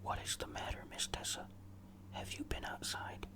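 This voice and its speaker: A ghost story is told in a suspenseful ASMR whisper, hushed and deliberate, with no voicing whatsoever.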